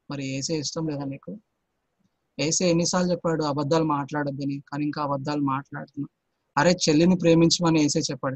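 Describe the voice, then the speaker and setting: A man's voice: fairly high pitch, husky. Guy teaching sunday school to kids, asks the same question over and over, dry sound no room echo. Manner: keeps quizzing the children with repeated questions. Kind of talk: Bible lesson for children.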